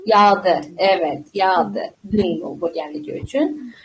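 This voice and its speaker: A woman's voice: medium pitch, animated, slow pace, rough recording. A woman with an Uzbek accent, a language teacher running an interactive online quiz, reading out questions and confirming answers in an instructive way. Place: online group call. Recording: clear background noise and clicks.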